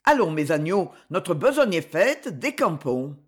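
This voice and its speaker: Casting: reader doing a shady cutthroat boss, hushed and sly, pitch moves a lot. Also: big pitch swings, a little slow, breathy edge. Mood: murmuring. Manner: low murmur. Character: male gang leader, gruff hired blade. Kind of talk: audiobook reading.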